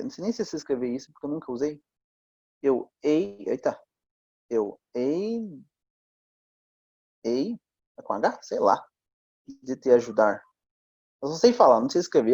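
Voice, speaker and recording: Animated husky man teaching English. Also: fairly high pitch, no room sound. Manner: chatty, checks in often with listeners. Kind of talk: explaining grammar in a class. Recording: dull lo-fi recording.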